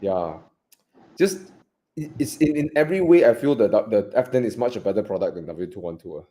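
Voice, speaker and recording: A man with a Malaysian English accent co-hosting a live car Q&A in relaxed, chatty talk that trails off softly. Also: lowish voice, a little fast. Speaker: co-host of a car buying Q&A. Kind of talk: live stream casual chat.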